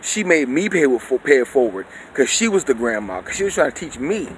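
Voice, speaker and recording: Slightly high-voiced man, preachy talking monologue, faint hiss behind. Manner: preachy and conversational, keeps asking "you know what I'm saying". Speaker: vlogger. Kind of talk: opinion monologue.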